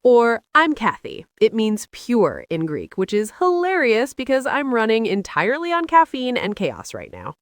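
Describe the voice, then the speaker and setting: A woman's voice: fairly high pitch, huge pitch swings, normal speed, hardly any pauses, no room sound, studio quality. An American woman teaching English in a scripted conversation, playful and teasing with an upbeat manner. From United States.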